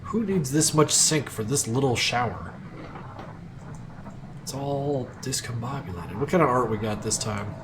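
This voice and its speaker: A man's voice: medium pitch, animated, unhurried, background noise. A man streaming a game live, reading in-game notes aloud with sardonic, profane asides.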